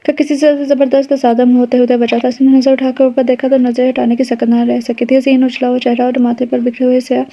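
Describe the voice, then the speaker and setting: A woman narrating a romance novel in a steady, quick reading. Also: sits high. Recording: dull lo-fi audio.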